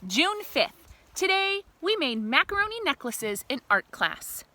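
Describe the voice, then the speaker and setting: Her voice climbs very high now, swinging widely in pitch, with a pushed, bright quality and a slightly slow pace. She is still reading the picture book aloud in teacherly fashion by the river, chatting and asking the young listeners questions. Outdoor noise fills the recording.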